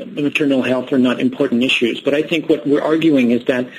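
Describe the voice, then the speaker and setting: A man's voice: mid-range voice, steady tone, a little fast. Polite male panelist on noisy line. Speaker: briefing panelist. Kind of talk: press briefing remarks.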